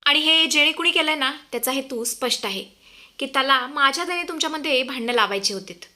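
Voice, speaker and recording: A determined young wife talks in a firm, cutting way, her voice a touch high and very bright. A woman narrating the plot puts her on in passing. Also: quick pace.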